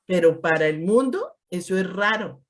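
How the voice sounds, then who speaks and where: A woman's voice: on the low side, animated, normal speed, crowd noise. Woman teaching scripture with rhetorical questions. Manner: strings rhetorical questions and acts out quotes. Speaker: Bible study teacher. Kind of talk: conversational Bible teaching.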